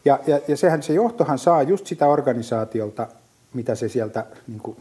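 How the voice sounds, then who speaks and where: A middle-aged businessman, appearing as a guest, chats on a podcast in a mid-range voice with a breathy edge. He tells stories vividly and casually, packing in fillers and restarts.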